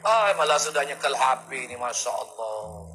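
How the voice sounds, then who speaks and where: A man's voice: medium pitch, sing-song, moderate pace, pushed and bright, soft background music, poor audio. A male preacher, giving a humorous sermon full of stories and acted-out quotes. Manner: jokey storytelling with acted-out quotes.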